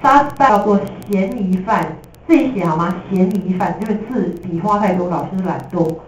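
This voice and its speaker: A woman teacher with a Taiwanese Mandarin accent gives a lively, jokey classroom lecture, slipping in English terms. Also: medium pitch, moderate pace. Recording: echoey room from a distance.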